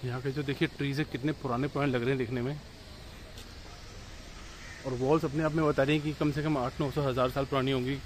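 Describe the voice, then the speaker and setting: Speaking fast and pausing often, a thirtyish man from India vlogs a walking tour outdoors around an old fort and town streets, slipping English words into his Hindi. His mid-range voice barely moves in pitch. The phone camera, held at arm's length, gives a rough recording with a little hiss or hum.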